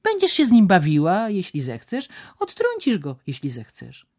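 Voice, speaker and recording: A woman's voice: mid-range voice, huge pitch swings, moderate pace, a little mellow, no room sound, clean studio sound, voice pushed up. A woman voicing a male swindler who coaxes and then threatens, in a spoken storybook reading. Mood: coaxing. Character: menacing male swindler, coaxing then brutal.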